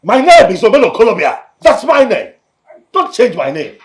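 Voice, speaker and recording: A man's voice: sits high, sing-song, normal speed. An actor playing a defiant young man who rejects a royal claim, agitated and sarcastic, repeating himself. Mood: scornful. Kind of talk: film drama acting.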